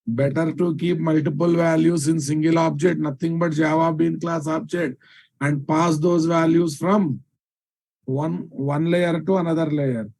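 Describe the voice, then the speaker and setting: A man's voice: a little high, fairly even intonation, measured pace, vocal fry, a little mellow, low-quality recording. A man with a Telugu Indian accent giving a live technical lecture as a programming teacher, repeating phrases for emphasis and checking understanding with questions.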